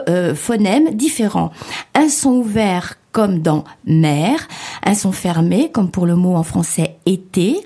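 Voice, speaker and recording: A woman co-hosting a French-language lesson, explaining pronunciation step by step and spelling letters out slowly. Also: medium pitch, dark tone, slightly rough. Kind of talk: scripted lesson dialogue.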